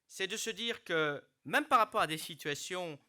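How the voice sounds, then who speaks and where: Speaking expressively, the middle-aged mayor offers New Year remarks to a hospital hall in a formal speech marked by hesitations. A very bright, forceful quality colors his voice, which sits a little high for a man. He's earnest and measured, often starting a phrase over before pushing through to the key word.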